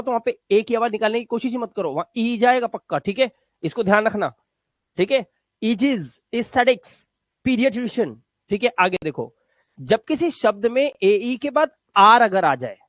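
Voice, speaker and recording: A man's voice: high-pitched, no echo. A man teaching English pronunciation to students, repeating words one by one and checking in after each point. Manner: repeats words slowly, drills with frequent "theek hai?". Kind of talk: classroom lesson explaining to students.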